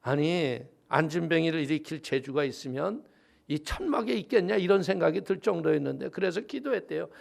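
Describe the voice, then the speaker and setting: A man's voice: on the high side, lively intonation, brisk, gravelly. A male pastor preaching a sermon, telling a story with lots of animation and acting out the voices of the people in it.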